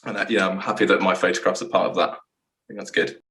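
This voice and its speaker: Lowish, bright-toned hesitant man. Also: level tone, quick pace, rough recording. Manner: hesitant, searches for words. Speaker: photographer. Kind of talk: reflective interview.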